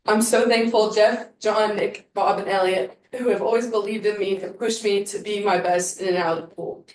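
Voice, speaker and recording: A woman's voice: mid-range voice, fairly even intonation, moderate pace, a little hiss or hum. A woman in her twenties, a swim team captain, giving a heartfelt farewell speech and trying not to cry. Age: 20s. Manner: heartfelt, fighting back tears. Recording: roomy, from a distance.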